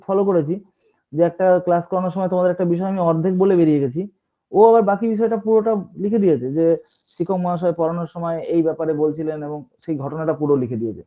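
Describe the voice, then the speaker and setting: Man teaching on a tinny call. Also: high voice. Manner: patient, repeats and checks with frequent asides. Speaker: English teacher. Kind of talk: online class lesson. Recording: tinny phone-like online class audio.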